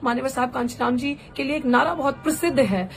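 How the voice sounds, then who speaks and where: A woman's voice: high voice, fast, vocal fry, a little hiss or hum. A woman activist and candidate giving an impassioned live political address, rhetorical and fervent, slipping English phrases into her speech.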